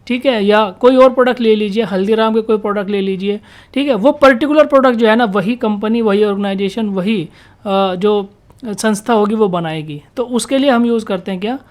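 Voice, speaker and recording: A woman with a medium-pitched, slightly mellow voice teaches vocabulary to exam students. She asks questions and answers them herself, repeats key words, and reads English definitions aloud slowly.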